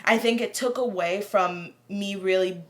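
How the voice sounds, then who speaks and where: A woman's voice: mid-range voice, unhurried, a bit bright. A young woman and mother, a podcast co-host and former cheer coach, reflecting on herself with rambling fillers. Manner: self-questioning, rambling with fillers. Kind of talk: casual podcast chat.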